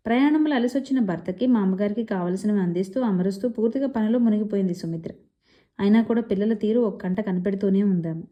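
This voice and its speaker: A woman storyteller narrating a family story in a measured, expressive reading style. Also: medium pitch.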